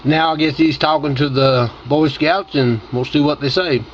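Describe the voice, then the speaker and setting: A man's voice: a little high, normal speed. A man from Tennessee chatting casually as a ham radio operator and commenting for his video. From Tennessee, United States. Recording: dull audio with faint noise.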